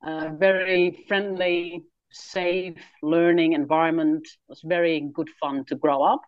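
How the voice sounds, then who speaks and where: A woman in her forties with a Dutch accent talks openly as an interview guest, laughing often as she goes. Her voice is lowish and comes through a somewhat dull, dry line. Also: level tone, a little slow, dry recording. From Netherlands. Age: 40s. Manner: candid, laughs easily. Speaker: guest, author and traveler. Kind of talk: conversational interview.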